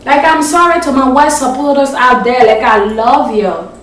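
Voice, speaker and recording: A woman's voice: high-pitched, moderate pace, fairly bright tone, distant mic. A woman vlogger from Africa telling a story-time vlog, speaking passionately and emphatically, sometimes swearing. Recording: roomy echo, voice off the mic.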